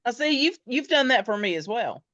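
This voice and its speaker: A woman's voice: a little high, big pitch swings, fairly quick, a bit bright, no room sound. A woman co-hosting a casual faith podcast, candid and dryly funny, laughing easily. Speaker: podcast co-host. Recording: dull, slightly muffled sound.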